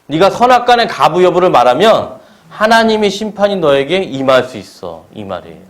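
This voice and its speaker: Lively Korean male preacher. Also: fairly high pitch, brisk. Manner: asks the congregation question-and-answer pairs. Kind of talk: sermon. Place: church service.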